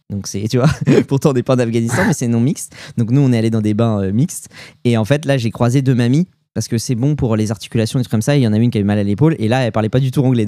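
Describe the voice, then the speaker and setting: A young man with a French accent chats casually on a podcast, swapping travel stories in loose, slangy talk full of fillers. His voice is mellow and relaxed at a middle pitch. The sound is dry and close, with no room around it. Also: no room sound. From France. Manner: animated storytelling with slang and fillers. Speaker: podcast co-host. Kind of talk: casual chat.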